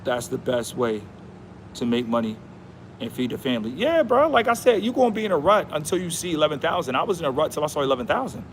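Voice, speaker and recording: A man's voice: a little high, big pitch swings, fast talker, a little hiss or hum. A man hosting a casual livestream outdoors. He talks in a slangy, emphatic, repetitive way and says "bro" a lot. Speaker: livestream host.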